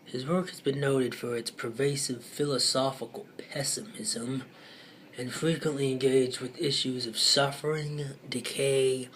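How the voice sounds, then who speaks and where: A man hosting his own channel, casually reading aloud from a web page in a hesitant, halting way, dropping into soft muttered asides. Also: mid-range voice, fairly even intonation, a little hiss or hum. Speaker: channel host.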